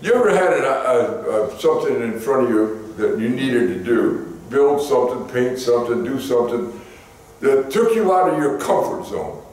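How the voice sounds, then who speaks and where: A man pastor preaching a sermon in a folksy storytelling way, his voice climbing high when he gets stirred up. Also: animated, moderate pace, a little mellow. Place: church sanctuary. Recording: echoey church from a distance.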